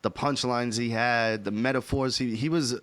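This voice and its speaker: A man in his thirties hosts a loose, casual chat. He argues with energy and swears freely, and his voice sits at an ordinary middle pitch. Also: moderate pace. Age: 30s. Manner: animated, profane, opinionated. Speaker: podcast host.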